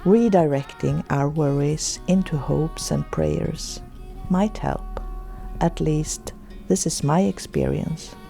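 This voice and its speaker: A middle-aged woman, hosting a podcast and speaking her reflections slowly and thoughtfully, then reading from a book. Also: low-pitched, creaky, faint music behind. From Sweden. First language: Swedish. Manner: slow, thoughtful and gentle. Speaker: podcast host.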